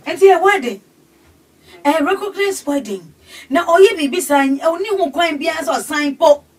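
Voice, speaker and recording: A middle-aged woman with a Ghanaian accent hosting a call-in advice show in a small radio studio, animated and gesturing as she talks. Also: very high voice, moderate pace. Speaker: radio host and counselor. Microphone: studio mic, camera across the room. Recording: distant camera audio in studio.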